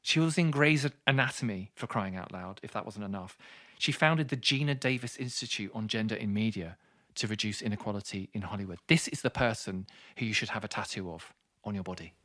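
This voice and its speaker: A man's voice: a little fast, a bit bright, no room sound. Guy on a book podcast gushing about a memoir, super dry close sound. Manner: enthusiastic, then lowers voice for serious points. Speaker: podcast co-host. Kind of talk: casual book review.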